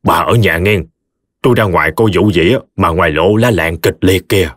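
A man voicing a gruff old village elder with a Mekong Delta Vietnamese accent, grumbling and scolding. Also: sits low, brisk, dry recording. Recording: dry close studio voice, soft music behind.

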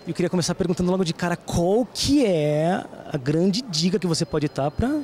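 A man's voice: high-pitched, expressive, normal speed, darkish tone, slight background noise. A man reporting for an entertainment TV show from a bookstore fan event, playful and teasing as he jokes with fans and interviews. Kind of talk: upbeat on-location entertainment report.

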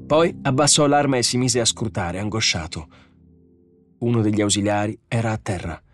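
A man reading a novel aloud as an audiobook narrator, in steady, measured storytelling. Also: on the low side, soft background music. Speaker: audiobook reader. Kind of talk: scripted narration.

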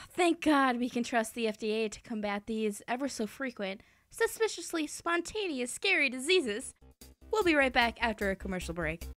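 A woman's voice: on the high side, big pitch swings, fast talker, pushed and bright, no room sound, faint music behind. A woman playing a gullible, upbeat parody news co-anchor with mock-sincere delivery in a satirical newscast.

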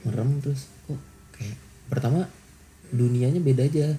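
A man's voice: medium pitch, moderate pace, warm tone, slight background noise. A young man co-hosting a podcast, chatting in a laid-back, slangy way. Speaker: podcast co-host. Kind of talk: casual chat.

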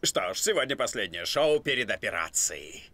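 A man voicing a jaded, conniving middle-aged chimp talk show host in an animated cartoon, dry and self-important. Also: on the low side, moderate pace, no echo, full character voice. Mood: scheming, brooding.

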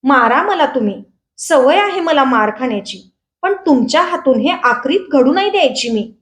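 A gentle young widow pleads earnestly and firmly, as a woman reader voices her. The reading has a roomy echo. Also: sits high, expressive, moderate pace. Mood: pleading. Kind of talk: storybook reading.

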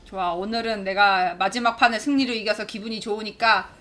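A woman in her forties streaming a game live, chattering with high energy, laughing often and shouting at her teammates. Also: steady tone, a little fast. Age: 40s. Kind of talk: excited live gameplay commentary.

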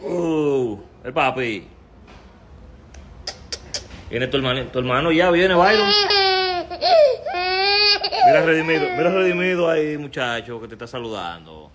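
A Dominican man hosting a live stream with his baby son, teasing and laughing, at times breaking into high squeals. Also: sing-song, measured pace, long pauses, crowd noise. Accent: Dominican Spanish. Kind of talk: playful live-stream chat.

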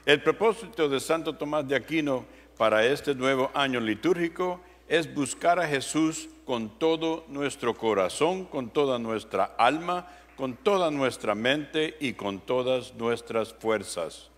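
Deacon reading announcements real slow, stumbles a bit, big church echo. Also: male voice, medium pitch. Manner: careful reading with small stumbles. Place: large church sanctuary. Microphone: far camera. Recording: long church reverb.

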